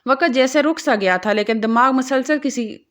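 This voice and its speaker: A woman's voice: high-pitched, fairly bright tone. Woman narrating a dramatic audio novel. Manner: dramatic storytelling.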